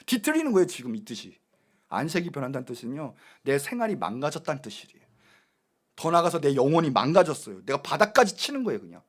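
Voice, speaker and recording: A man preaches from the pulpit of a church, his voice pitched high and swinging widely up and down. He presses his points with rhetorical questions aimed straight at the congregation. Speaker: pastor. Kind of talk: sermon. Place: church sanctuary.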